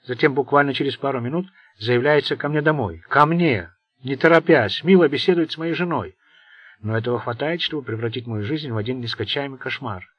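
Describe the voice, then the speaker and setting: A man's voice: medium pitch, fairly quick, husky, no room sound, lo-fi sound, natural voice. A man voicing a bitter, sardonic Italian gangster who rambles nervously. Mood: anxious. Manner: sarcastic, venomous.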